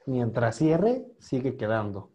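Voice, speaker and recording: A man teaching an online pronunciation class over a video call mic, patiently repeating words slowly for students to copy. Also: mid-range voice, very animated, mellow, slightly rough. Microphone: computer microphone on a video call.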